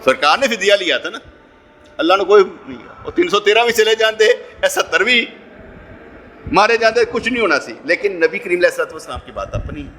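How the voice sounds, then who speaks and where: Punjabi-accented preacher with a bright voice. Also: male voice, high-pitched, animated, a little hiss or hum. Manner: storytelling, acts out voices, swings between loud and hushed. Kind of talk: Friday sermon.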